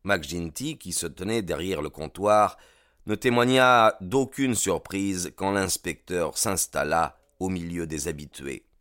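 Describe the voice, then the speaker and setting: A man narrating an audiobook in a measured, steady storytelling manner. His voice sits low and comes across dry and close to the mic. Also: clean tone, no echo. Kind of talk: scripted narration.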